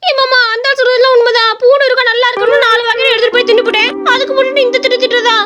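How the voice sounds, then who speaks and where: Woman playing a high whiny cartoon village girl, cheeky and sulky. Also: little pitch movement, rapid-fire, bright, forceful tone. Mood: whining. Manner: wailing and sulky, then sassy. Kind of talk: Tamil cartoon story voice acting.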